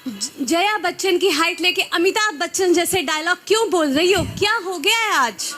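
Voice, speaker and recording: A woman playing a sharp-tongued young daughter-in-law, answering back with cheeky retorts in an amateur comedy skit. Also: very high-pitched, animated, moderate pace. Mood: sassy.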